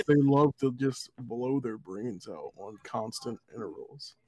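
A man's voice: medium pitch, a little slow, a little mellow, no room sound, rough recording. A young man co-hosting a casual podcast, tossing in teasing, sarcastic quips. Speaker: podcast co-host. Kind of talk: casual chat.

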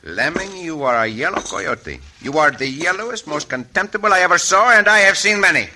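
An actor playing a gallant, commanding Mexican hero of the Old West, suave and formally spoken with a Mexican accent, in an old-time radio western. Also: male voice, high-pitched, animated, a little fast, pushed and bright, exaggerated voice. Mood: stern. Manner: suave, decisive, formal phrasing. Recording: noisy, scratchy vintage radio recording.

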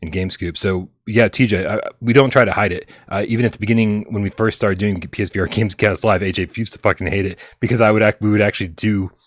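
A man in his thirties with a fairly low voice hosts a relaxed gaming live stream. He jokes around, stumbles and restarts sentences as he reads out chat tips. The sound is dry and close. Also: quick pace, few pauses, no echo. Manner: laid-back, jokey, stumbles and restarts. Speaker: podcast host.

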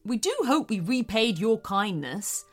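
Storybook: a kind, proud talking rabbit, gentle and slow-spoken, put on by a woman narrator. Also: mid-range voice, animated, faint music behind.

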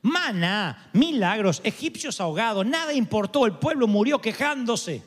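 A high-pitched male preacher delivers a sermon full of humor and rhetorical questions. His pitch leaps up and down with animation. The long echo of a large church hall trails after every phrase. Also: big pitch swings, normal speed, fairly bright tone. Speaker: pastor.

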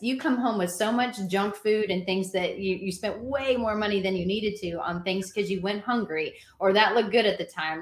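Woman, fitness trainer, casual chat, energetic, echoey room. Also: mid-range voice. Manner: energetic, advice-giving, laughs often.

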